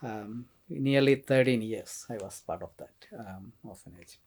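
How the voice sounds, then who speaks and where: Soft-spoken man with a Kerala accent. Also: lowish voice, unhurried. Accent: Indian, Kerala. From India, Kerala. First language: Malayalam. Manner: soft-spoken, hesitant with many fillers, laughs often. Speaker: podcast guest, priest. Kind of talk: casual interview conversation.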